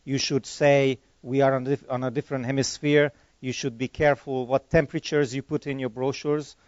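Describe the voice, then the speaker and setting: Fielding conference Q&A questions, a Hungarian-born man talks a little fast in a mid-range, slightly mellow voice with a level tone and no echo. He's chatty and rambly, constantly fixing his words, captured in a dry, dull lo-fi recording.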